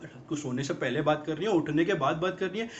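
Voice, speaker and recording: An actor playing an exasperated young man in a rapid-fire, mocking film comedy monologue about girlfriends. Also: fairly high pitch, a little hiss or hum, lightly acted. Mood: ranting. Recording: dull lo-fi film audio.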